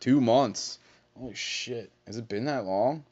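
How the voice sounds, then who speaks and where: A man's voice: mid-range voice, unhurried, darkish tone. Joking, rambling man on a muffled podcast. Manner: rambling, joking, swears casually. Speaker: podcast co-host. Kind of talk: casual chat. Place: shop basement.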